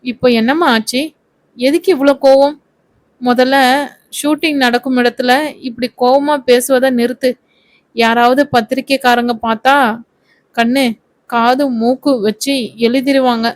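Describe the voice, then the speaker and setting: A stern middle-aged mother from a spoken story, impatient and scolding, as a woman reads her lines. The voice sits a bit high with a narrow, even tune. It is recorded close and dry. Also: measured pace, pauses often, no echo.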